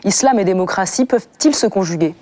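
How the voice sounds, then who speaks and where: Brisk woman news anchor, mellow voice. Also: mid-range voice, animated. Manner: brisk, formal questioning. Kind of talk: TV news interview.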